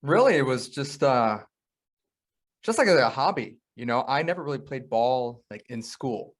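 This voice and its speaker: A man's voice: mid-range voice, normal speed. American guy cohosting a chill podcast, laid back, tells it like a story. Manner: relaxed storytelling with fillers. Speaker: podcast co-host. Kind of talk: casual podcast chat.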